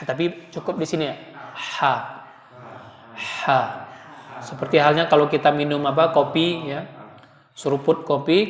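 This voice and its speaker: A man's voice: a little high, roomy sound, in a large hall. A man teaching Quran pronunciation, patiently demonstrating letter sounds and chanting short words.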